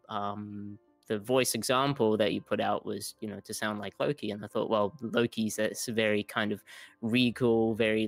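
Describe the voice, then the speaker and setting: A man's voice: lowish voice, dry recording. A young man from New Zealand, a voice actor with a mixed Kiwi and American accent, talking casually in a rambling, hesitant way. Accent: New Zealand and American mix. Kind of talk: casual chat.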